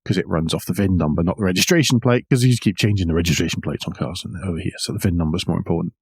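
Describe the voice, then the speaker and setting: This podcast co-host has a deep, gravelly, husky voice and talks at a racing pace, captured in a dry, clean studio recording. On the motoring news show, he alternates between reading items aloud and making dry, wry conversational remarks about cars.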